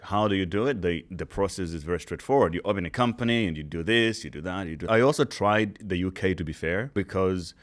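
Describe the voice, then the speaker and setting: A man, a guest telling his story in a relaxed, casual interview chat. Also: sits low, a little fast, few pauses. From Malawi. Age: 30s.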